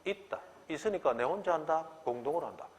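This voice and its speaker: Animated male law lecturer, reverberant hall. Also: fairly high pitch, a little fast. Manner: animated, acts out quoted dialogue, rhetorical questions. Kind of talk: exam-prep lecture.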